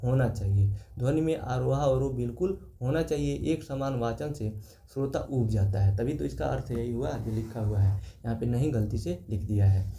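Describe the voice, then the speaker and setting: Male teacher, exam-prep lecture; patient step-by-step explainer, mellow tone, echoey room. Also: mid-range voice, normal speed, creaky. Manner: explains step by step, repeats key terms, points at the page.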